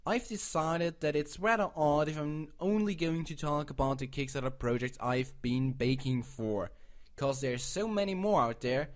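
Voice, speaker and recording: Speaking English as a non-native with a Swiss accent, this man from Switzerland runs a video channel where he chats casually about game crowdfunding projects. His pitch is fairly high and his pace moderate. He rambles playfully and frequently corrects himself.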